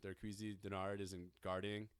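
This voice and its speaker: Man, young adult, podcast host, casual sports chat, self-mocking, low smooth voice, dry sound. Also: level tone, unhurried, dry recording. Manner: gloomy, self-mocking fan talk.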